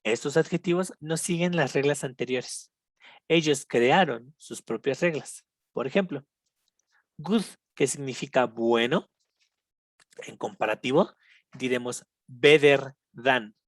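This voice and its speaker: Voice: medium pitch, no echo. Patient Mexican teacher, dry close sound. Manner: patient, repeats each example, checks in with students; switches between Spanish and slow English examples. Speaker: English teacher. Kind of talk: recorded online grammar lesson.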